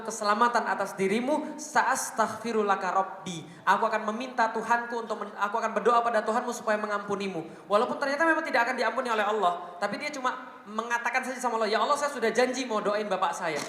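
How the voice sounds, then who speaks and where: A man's voice: sits high, pushed and bright. A man preaching a sermon, telling stories and asking his audience rhetorical questions. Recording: echoey hall with long reverb.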